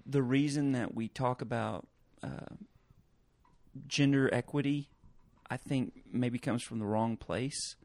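A man co-hosting a podcast in casual chat, talking in a relaxed way with many fillers and pauses. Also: mid-range voice, gravelly, no echo. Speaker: podcast co-host.

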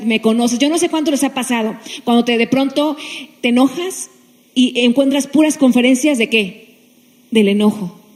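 A woman's voice: a little high, big-room sound. A woman pastor sharing earnestly and fervently about faith in a casual group talk.

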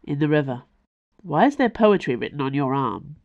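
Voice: mid-range voice, big pitch swings, normal speed, dull audio. A storyteller voicing a weary, blunt man who speaks with dry understatement.

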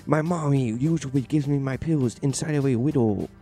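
A man's voice: medium pitch, moderate pace, dark tone, faint music behind, natural voice. A man voicing a whiny, sassy little boy baby hero in a comedy movie trailer parody, rambling in a childish, hesitant way. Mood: innocent, chatty.

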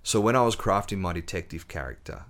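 Deep-voiced and quick-paced, a man who writes books chats casually as a guest on a podcast. His relaxed storytelling is peppered with fillers and false starts.

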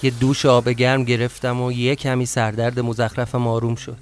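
A man narrating a first-person story in a confiding, reflective tone. His voice sits at an ordinary mid pitch, and soft music plays faintly behind him. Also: completely flat delivery.

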